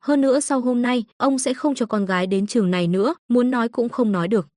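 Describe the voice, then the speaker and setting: A woman's voice: a little high, quick pace, darkish tone, no room sound, clean studio sound, lightly acted. A woman reading as a stern rich father.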